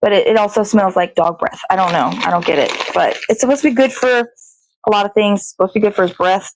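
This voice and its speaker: An American woman with a mid-range voice hosts a morning show casually from her home kitchen, chatting quickly in a rambling, sweary, informal way while she cooks. The recording is low quality, with a little hiss or hum.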